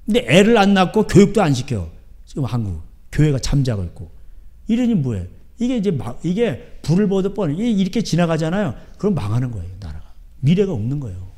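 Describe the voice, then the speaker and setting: A man's voice: a little high, warm tone. A man preaching a sermon as pastor, in a rambling, chatty way, often asking his listeners "right?". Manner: keeps asking the crowd back "예?".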